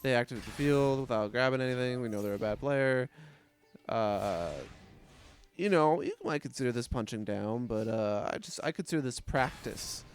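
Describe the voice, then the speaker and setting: A man's voice: mid-range voice, normal speed, clean tone. A man giving casual gameplay commentary, swearing often, mocking his opponents and laughing between plays. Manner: profane, trash-talking, laughs often. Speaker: gaming commentator.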